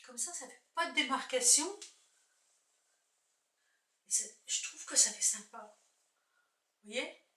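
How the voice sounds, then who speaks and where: A woman's voice: sits high, lively intonation, slow pace, long pauses, pushed and bright, recorded from a distance. Chatty woman in an echoey room. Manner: chatty, thinks aloud while showing products. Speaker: makeup vlogger. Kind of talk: casual makeup tutorial chat. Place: indoors at home, husband filming.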